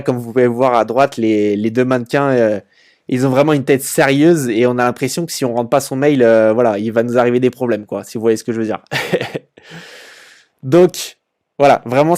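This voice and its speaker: A young man hosts a casual online business video for his e-commerce channel, giving screen-share commentary as he talks through a website. His medium-pitched, slightly mellow voice is informal and chatty, full of fillers and repeated words.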